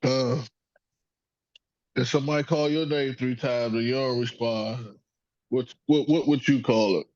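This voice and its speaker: A man's voice: medium pitch, fairly even intonation, measured pace, long pauses, a little mellow, no echo, dull audio. A man hosting a casual sports podcast, rambling and profane, joking with his son over a call. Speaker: podcast host.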